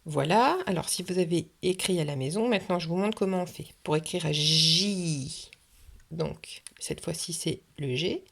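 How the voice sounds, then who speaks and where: A woman's voice: on the low side, moderate pace, gravelly, hardly any pauses, a little mellow. A woman teaching a video phonics lesson for young children, patiently sounding out each syllable. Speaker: kindergarten teacher. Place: French classroom or home, recorded for video.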